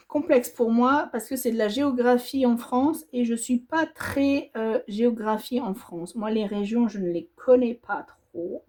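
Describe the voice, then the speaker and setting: Slow-talking woman musing through a quiz. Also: on the high side, a little mellow. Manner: reads options aloud, muses, hesitates; stitching while talking. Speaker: embroidery vlogger. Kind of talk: casual quiz while stitching.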